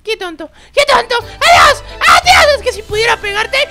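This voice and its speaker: A shrill, dramatic baby boy in a game role-play who yells constantly, very high, over loud music. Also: very animated, moderate pace, creaky, full character voice. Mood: excited. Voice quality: squeaky, shrieking outbursts. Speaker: host. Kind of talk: Minecraft role-play commentary.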